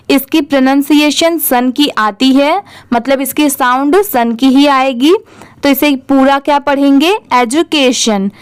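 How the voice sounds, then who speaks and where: A woman's voice: high-pitched, dry recording. A young Indian woman teaching English reading, patiently spelling words out letter by letter and then asking how each is read. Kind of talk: slow, patient reading lesson.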